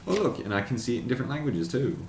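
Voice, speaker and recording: A man's voice: mid-range voice, very animated, echoey room, noisy background. A man chatting casually and wryly to camera as a vlogger, reading things aloud as he goes. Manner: chatty, wry, reads text aloud haltingly. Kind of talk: casual unboxing chat.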